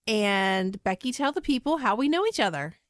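A woman's voice: high-pitched, fast talker, no echo, studio quality. Chatty woman podcast host. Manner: chatty, laughing, lively emphasis. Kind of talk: casual podcast chat.

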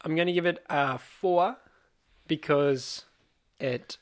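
Casting: young male host, fairly high voice, blokey and jokey, casual banter. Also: slow. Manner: blokey, sweary, joking. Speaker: show host. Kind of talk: casual banter on a beer-tasting show.

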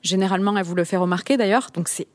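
A woman's voice: mid-range voice, rapid-fire, no room sound. A woman with a southern French accent from Toulouse, a podcast creator sharing candid personal stories as an interview guest. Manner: candid, animated storytelling.

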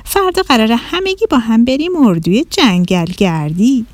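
A woman's voice: on the high side, expressive, no room sound, close to an everyday voice. A woman voicing a kindly but exasperated male owl schoolteacher in a children's storybook. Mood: teacherly. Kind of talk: storybook narration.

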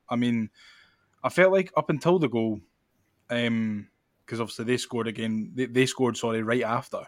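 A man's voice: medium pitch, no room sound. Podcast host, male, Scottish accent. Casual football chat, level intonation, very dry recording.

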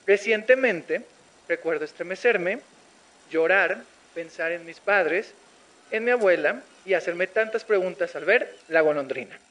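A man's voice: high-pitched, a little slow, fairly bright tone, rough recording. A man narrating a scripted, reflective tribute made of memories. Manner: reflective, recalling.

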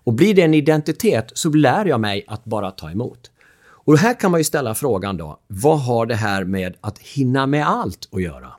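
Lively storytelling Swedish man. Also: medium pitch. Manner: lively, acts out quotes, laughs often. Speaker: speaker on the drama triangle, a father. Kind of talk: animated storytelling chat.

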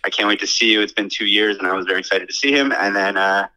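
A man's voice: fairly low pitch, quick pace, bright, forceful tone, low-quality recording. A man talking over a phone on speakerphone, joking and teasingly grumbling in a casual chat. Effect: heard over a phone on speakerphone. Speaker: phone-in friend.

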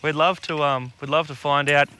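Bright, blokey Australian man, like a tradesman. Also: a little high, steady tone, normal speed, smooth. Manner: laid-back blokey Aussie tradesman talk, slangy and sweary. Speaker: podcast co-host. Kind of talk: casual chat.

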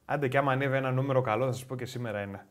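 Chatty man reading viewer messages. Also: mid-range voice. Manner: chatty, promotes the channel and relays comments. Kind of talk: casual live-stream banter.

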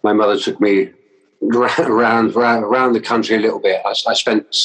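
A man with a fairly low voice speaks as an interview guest. He talks in an easygoing way, chuckling often and repeating words as he gathers his thoughts. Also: a little fast, poor audio. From London, with schooling in Wales. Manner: relaxed, laughing often, stammering restarts. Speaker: guest, fashion stylist. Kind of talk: casual interview chat.

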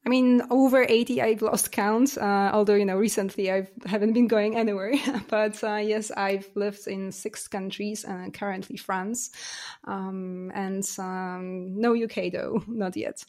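A woman's voice: medium pitch, level tone, a little slow, darkish tone. A middle-aged woman from Poland, a science journalist, answering interview questions in a thoughtful, explanatory way with many fillers.

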